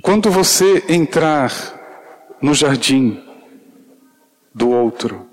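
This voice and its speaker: A man's voice: medium pitch, animated, very slow. A male preacher giving an earnest sermon, speaking intimately to the congregation with shy, self-deprecating humor.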